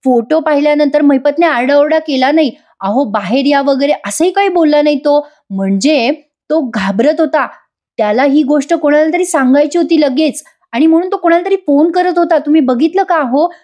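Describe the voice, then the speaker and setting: A woman's voice: sits high, normal speed, mellow, muffled recording, voice pushed up, natural voice. A woman voicing a thoughtful young wife who reasons aloud and asks questions, in a voice-over retelling of a serial scene. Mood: earnest.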